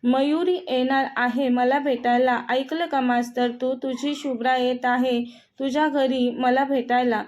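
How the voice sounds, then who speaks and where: Cruel mocking gang boss, threatening as a high-voiced lady reads him. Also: fairly even intonation, measured pace, a little mellow. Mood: gloating. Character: cruel, raging middle-aged male gang boss. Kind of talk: storybook reading.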